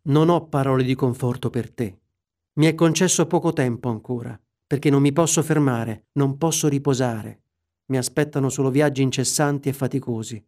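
A man's voice: medium pitch, normal speed, a little mellow, natural voice. A man voicing the tormented, chained ghost of a dead business partner, grave and lamenting. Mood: mournful.

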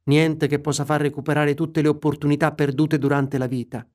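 A man's voice: fairly high pitch, little pitch movement, brisk, a little mellow, natural voice. A man voicing a tormented chained ghost, Jacob Marley. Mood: lamenting. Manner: grave, lamenting.

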